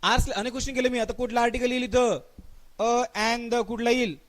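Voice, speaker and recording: A man with a Marathi accent teaching English grammar in a live online class, quizzing students and urging quick answers while drawling out the example sentences. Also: extremely high pitch, steady tone.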